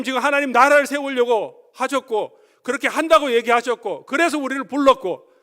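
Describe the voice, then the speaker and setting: A pastor acting out an indignant male disciple who protests loudly in a heated, raised voice. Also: extremely high pitch, pitched above the performer's own voice. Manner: heated, raised voice, rapid-fire complaints.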